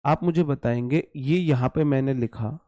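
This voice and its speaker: A man's voice: mid-range voice, normal speed, dark tone, no echo, clean studio sound. A man teaching an English class online, casual and repetitive, drilling words aloud and calling students his brothers. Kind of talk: online exam-prep class.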